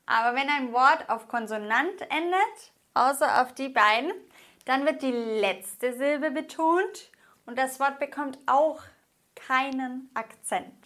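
Slow-speaking woman teaching Spanish grammar. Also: high voice, a bit bright. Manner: patient, stressing example words slowly. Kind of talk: explaining grammar rules to camera.

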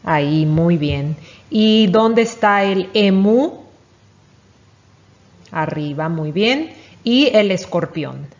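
Woman teacher for a children's letter lesson, unhurried, encouraging, slightly dull lo-fi sound. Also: on the low side, animated. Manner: patient, encouraging, asks and praises. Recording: dull lo-fi recording.

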